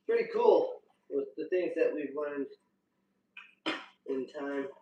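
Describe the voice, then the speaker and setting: A man's voice: on the high side, expressive, slow pace, muffled recording. A man chatting casually on a livestream in laid-back bro slang as he demonstrates his home brewing. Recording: roomy echo, distant mic, faint noise.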